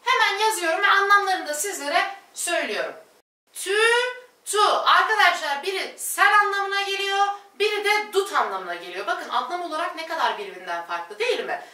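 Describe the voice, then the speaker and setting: A woman teaching a language lesson at a board, slowly repeating each word pair and addressing her viewers as friends. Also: extremely high pitch, animated, sharp tone, recorded from a distance. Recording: echoey room, voice off-mic.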